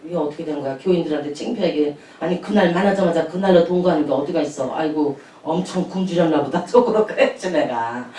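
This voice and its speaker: A woman's voice: low-pitched, brisk, hardly any pauses, dark tone. A woman pastor telling chatty anecdotes in a sermon, laughing often as she speaks. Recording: echoey room, distant mic.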